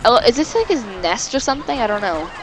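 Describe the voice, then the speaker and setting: Brief: high-voiced woman, lively swooping delivery, chatty let's-play commentary, easily excited. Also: fast, music in the background, low-quality recording. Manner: excitable, rambling, with sudden exclamations. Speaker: video game let's player. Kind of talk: casual gameplay commentary.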